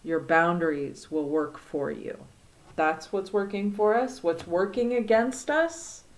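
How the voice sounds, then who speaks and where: Slow, musing Midwestern woman. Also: on the low side. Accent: Midwestern American. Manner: slow, reflective, with frequent pauses and fillers. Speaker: tarot reader. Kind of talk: spoken divination reading.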